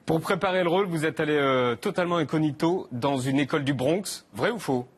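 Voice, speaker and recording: A man hosting a TV talk show, putting brisk, teasing questions to his guest. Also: a little high, breathy edge. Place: TV studio with an audience.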